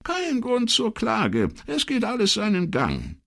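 Man voicing an older grandmother, high, animated, friendly, chatty, audiobook. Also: slow, creaky, exaggerated voice. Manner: cheerful, lively high voice.

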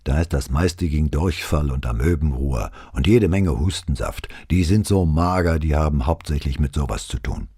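A man's voice: rumbling low, animated, normal speed, hardly any pauses, dark tone, slightly rough, no echo, clean studio sound, exaggerated voice. A man voicing a nervous, evasive male foreman being questioned, in a slightly raised voice for an audiobook. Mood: uneasy. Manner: uneasy, evasive.

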